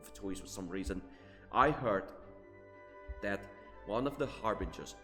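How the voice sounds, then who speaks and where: A streamer delivers casual live game commentary in a lowish, expressive male voice, measured in pace and sharp in tone. He rambles, repeats himself emphatically, and swears offhand, recorded in a reverberant room with game music playing behind him.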